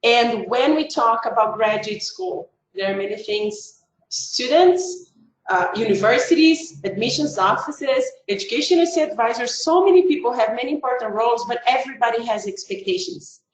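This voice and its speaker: A middle-aged woman with a Brazilian Portuguese accent talks to students in a friendly, rambling way, full of fillers and restarts. Her voice sits a little high. It comes through a video call from an echoey room. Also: animated, normal speed. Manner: chatty, many fillers and restarts. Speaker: education advisor. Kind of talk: online webinar talk.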